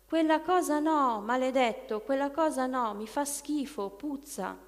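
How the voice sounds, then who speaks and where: A woman's voice: mid-range voice, a little slow, gravelly. Woman voicing a hateful tormented demon. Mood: anguished. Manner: shouted, spiteful outbursts. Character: hateful tormented male demon, spiteful and menacing. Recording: long reverb.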